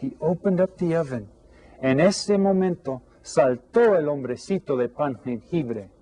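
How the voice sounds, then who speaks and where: Slow, mellow-voiced male teacher. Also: a little high. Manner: slow, deliberate, translating each line into English. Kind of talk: bilingual storybook read-aloud.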